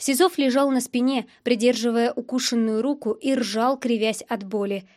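A woman reading a first-person novel aloud as an audiobook narrator, in steady, plain storytelling. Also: fairly high pitch, normal speed.

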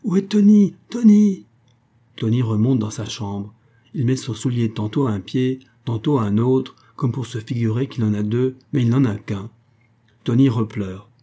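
A man narrating a classic children's story in a measured, expressive storytelling manner. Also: mid-range voice, breathy edge.

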